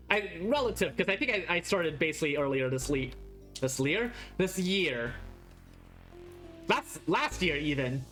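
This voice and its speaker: A woman streamer chats with her audience during a live playthrough. Her pitch swings widely and she often hesitates, restarts and fills gaps with ums. Faint game music plays under her voice on a desk mic. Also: a bit bright. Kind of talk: live game playthrough, reading dialogue aloud.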